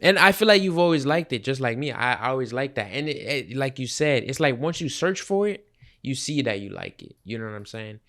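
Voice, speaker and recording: A man's voice: mid-range voice, expressive, fairly bright tone. A young man co-hosting a casual podcast, teasing his friend in easygoing banter. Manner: easygoing, teasing, quick to laugh, trailing restarts. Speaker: podcast co-host. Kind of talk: casual chat about music.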